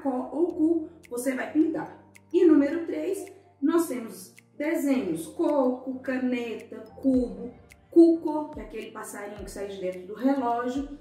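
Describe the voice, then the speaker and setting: A woman's voice: high voice, lively intonation, a little slow, dark tone. A woman teacher patiently explaining worksheet exercises to young children, full of little diminutive words. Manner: patient, uses many diminutives. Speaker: primary school teacher. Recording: echoey room, mic at a distance, faint music.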